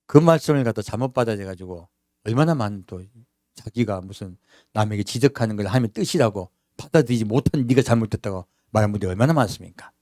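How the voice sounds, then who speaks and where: A man's voice: fairly low pitch, lively intonation, quick pace, a little mellow, dry recording, studio quality. A man preaching a sermon in a church, talking to the congregation conversationally with many rhetorical questions. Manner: acts out everyday quotes in character voices. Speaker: pastor.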